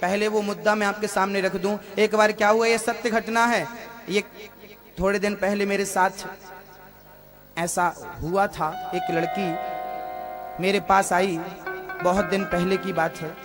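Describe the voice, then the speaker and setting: A man's voice: sits high, steady tone, measured pace, long pauses, over music. A man preaching a devotional sermon, asking rhetorical questions and repeating phrases for emphasis.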